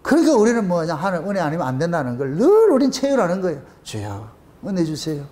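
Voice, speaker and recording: Animated high-pitched preaching man. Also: racing. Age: middle-aged. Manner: colloquial, animated preaching with rhetorical questions and laughter. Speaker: pastor. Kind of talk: sermon.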